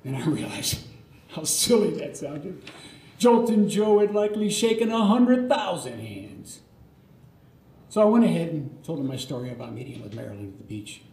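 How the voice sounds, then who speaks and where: Performing live on a radio theatre stage, a middle-aged man tells his own scripted life story in earnest, theatrical phrases. His voice is on the high side and sing-song, at a moderate pace with a darkish tone. Background noise comes through clearly in the roomy theatre sound.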